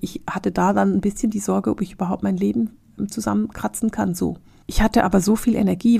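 A woman hosting a reflective podcast monologue, speaking straight to the listener and often dropping into soft, whispery phrases. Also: medium pitch, vocal fry, husky, no echo, studio quality. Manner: addresses the listener directly as "du". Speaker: podcast host.

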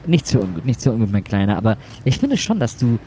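A man's voice: on the low side, big pitch swings, fast, dark tone, a little hiss or hum. A man playing a mother who is fed up with her know-it-all son and talks bluntly, in a rambling way. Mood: exasperated.

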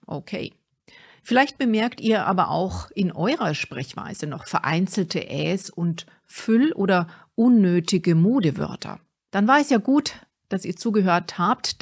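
A middle-aged woman, a speaking coach, giving a clear and deliberate instructive talk from a script. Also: on the low side. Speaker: speaking coach and podcast host.

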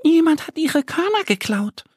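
A man's voice: very high-pitched, very animated, normal speed, no echo, studio quality, voice pushed up. Annie, a little duck girl. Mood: eager. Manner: eager, explaining.

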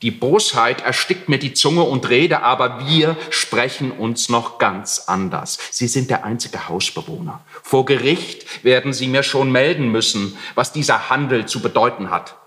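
A man's voice: medium pitch, a little slow, hardly any pauses, fairly bright tone, long reverb tail, close to an everyday voice. A man reading aloud and voicing an old landlord who scolds and blusters about his missing staircase. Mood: indignant. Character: old male landlord, furious and indignant. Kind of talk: literary reading.

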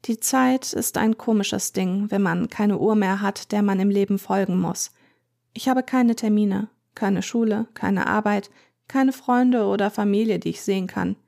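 A woman narrating a first-person story in a measured, tense way. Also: mid-range voice, gravelly, a little mellow. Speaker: audiobook narrator.

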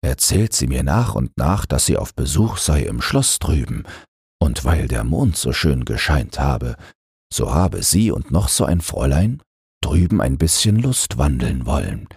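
Guy doing a pious river boatman, super deep gravelly voice, slow homely telling. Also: sing-song, a little mellow, no room sound, clean studio sound, full character voice. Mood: earnest. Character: poor river boatman, a father, plain and pious.

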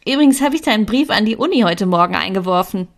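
A woman voicing an excitable teenage sister in a storybook reading, talking high and excited. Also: fast, lightly acted. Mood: eager.

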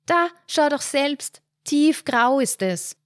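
A woman reads an agitated, stubborn elderly wife, her voice climbing high and insistent. Close and dry, storybook style. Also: slow pace, dry recording. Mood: excited. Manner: excited, insistent, triumphant.

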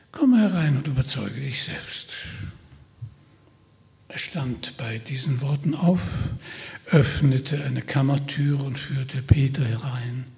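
A man narrating a fairy tale in a measured, quiet way, with long reverb. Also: fairly high pitch. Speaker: audiobook reader. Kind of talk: storybook narration.

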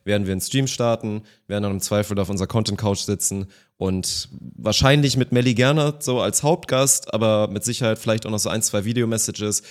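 A man co-hosting a podcast, talking through a topic in an animated, ranting way with rhetorical questions. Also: lowish voice, a little fast, few pauses. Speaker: podcast co-host. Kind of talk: casual podcast chat.

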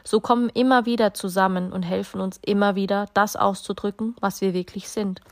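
A woman voicing a kind, loving soul in a storybook reading, speaking quietly and low, half in a whisper. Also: fairly even intonation, a little fast, dry recording, studio quality, lightly acted. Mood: tender.

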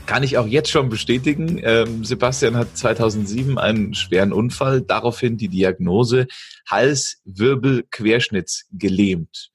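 A man hosting a podcast interview, upbeat, with frequent filler sounds. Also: medium pitch. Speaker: podcast host.

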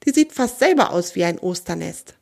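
A woman's voice: lowish voice, animated, moderate pace, creaky. A woman voicing a small, cheeky female field mouse with a playful, teasing way of talking. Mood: explaining.

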